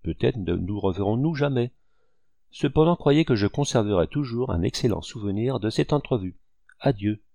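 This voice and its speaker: A man reading a novel aloud and voicing a gracious young woman of standing, speaking gently. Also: lowish voice, lively intonation, moderate pace, creaky, dry recording. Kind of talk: audiobook reading.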